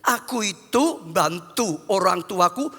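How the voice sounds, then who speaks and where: A man acting out a blunt, loud husband who talks fast and near-shouting, his voice raised high and forceful. A long hall reverb trails behind with faint music. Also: lively intonation, heavily acted. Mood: defensive.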